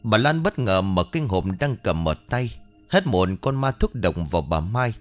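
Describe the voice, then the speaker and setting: Low-voiced male storyteller. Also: normal speed. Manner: dramatic, expressive. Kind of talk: audiobook horror story narration. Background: faint music.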